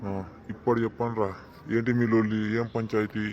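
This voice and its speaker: A man's voice: lowish voice, monotone, brisk, over loud music. A man voicing an exasperated village elder in a cartoon, scolding as he judges a dispute. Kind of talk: cartoon voice acting. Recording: dull lo-fi sound with faint noise.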